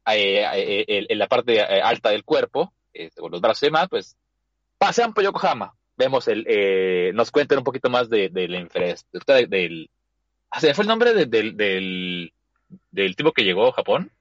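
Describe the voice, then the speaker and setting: A man's voice: fairly low pitch, big pitch swings, moderate pace, fairly bright tone, no room sound, dull audio. A man hosting a casual chat, animatedly retelling an anime episode and acting out the characters' lines. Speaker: podcast host.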